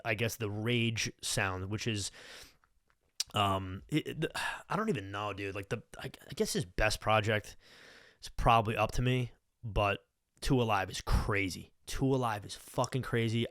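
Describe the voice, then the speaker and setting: Speaking at a normal speed with a fairly low but bright-toned voice, this young podcast host chats unscripted about music, slangy, profane and excited like a true fan. The close mic gives a dry, clean studio recording.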